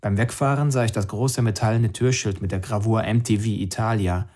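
A man with a somewhat low voice narrates a novel as an audiobook. His delivery is calm and measured, steady scripted storytelling.

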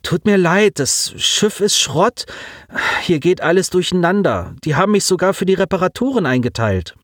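An anxious teenage boy, stranded on a wrecked ship, as a man reads him aloud in a raised, youthful pitch. He talks in an earnest, hurried way, and his voice swings up and down. The sound is dry and close. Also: animated, no echo. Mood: worried, hurried.

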